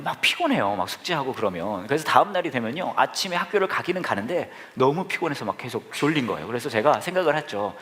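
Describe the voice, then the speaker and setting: A man's voice: on the high side, a bit bright. A male pastor giving a sermon, telling a humorous personal story with asides to the congregation.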